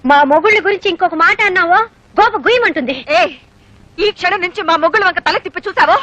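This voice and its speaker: An actress playing an angry wronged housewife who hurls indignant threats at a rival. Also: female voice, very high voice, fast, bright, forceful tone, no room sound. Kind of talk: film dialogue.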